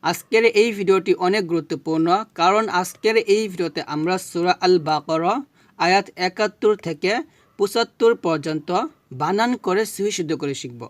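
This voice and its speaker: Man teaching recitation syllable by syllable; high, clear voice, dry close sound. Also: no room sound. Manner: spells syllables slowly, then recites drawn-out Arabic. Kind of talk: spelling out Arabic recitation lesson.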